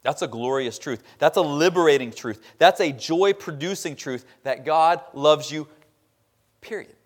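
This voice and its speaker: A man's voice: a little high, unhurried. Emphatic man preaching a sermon. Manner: emphatic preaching, swinging between loud stresses and quiet drops. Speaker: pastor.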